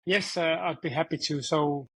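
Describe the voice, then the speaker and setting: A man's voice: on the high side, moderate pace, slightly rough, poor audio. A man from Denmark, a guest expert answering interview questions in a hesitant, word-repeating way. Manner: hesitant, repeats words while thinking. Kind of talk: conversational interview.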